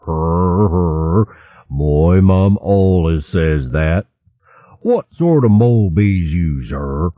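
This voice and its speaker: A man voicing a tiny young male mole with a booming bass voice and slow rustic dialect. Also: animated, dry recording, exaggerated voice. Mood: cheeky. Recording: thin phone-like dry sound.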